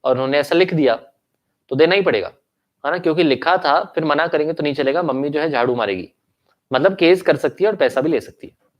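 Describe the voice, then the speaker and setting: A man's voice: on the high side, brisk. A young Indian man teaching law in an online lecture, with a sore throat and an occasional cough, switching between Hindi and English and checking in with students with tag questions.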